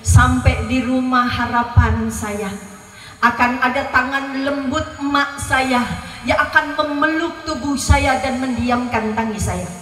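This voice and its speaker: A woman preaches a sermon in a high, bright voice, telling a story and acting out its dialogue while addressing the women listening. She is recorded from a distance in an echoey hall, and there is faint background noise. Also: fairly even intonation, slow pace. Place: large venue at a religious gathering.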